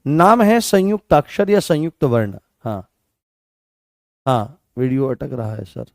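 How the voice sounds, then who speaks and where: A man's voice: mid-range voice, very animated, unhurried, dry recording, clean studio sound. A man teaching a live online Hindi grammar class for exam candidates, repeating points and asking questions he answers himself, with a Rajasthani Hindi accent. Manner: repetitive, asks questions and answers them himself, sometimes sings lines.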